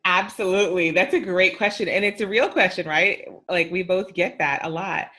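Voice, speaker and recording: A middle-aged woman with a slightly low-pitched voice, chatting in a relaxed podcast conversation. She talks emphatically and leans on fillers like "um" and "you know". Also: moderate pace. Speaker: podcast guest, PR and social media adviser.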